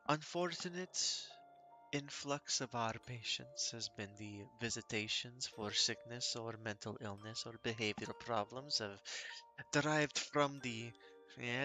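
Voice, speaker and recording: A man voicing a hesitant sanatorium official who speaks in a hushed, halting, formal way in a tabletop game. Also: mid-range voice, pitched below the performer's own voice, rough recording.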